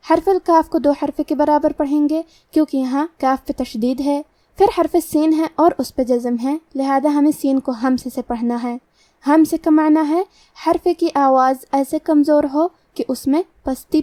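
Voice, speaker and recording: High-voiced woman teaching Quran recitation. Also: mellow, dry recording, studio quality. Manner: explains letter by letter, then recites slowly and drawn out. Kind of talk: tajweed lesson with slow recitation.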